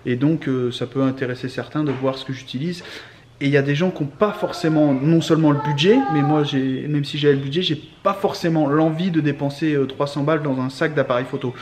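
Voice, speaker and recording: A man's voice: fairly high pitch, fairly even intonation, a little fast, noisy background. A young man and father rambling casually on a vlog, with a joking manner and many fillers. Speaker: vlogger and father.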